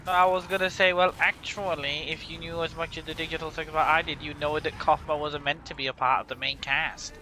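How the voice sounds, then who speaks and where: A man's voice: fairly high pitch, little pitch movement, brisk, hardly any pauses, sharp tone, slight background noise, low-quality recording. A man joking and teasing playfully while playing a game with a friend on stream. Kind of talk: casual gaming stream chat.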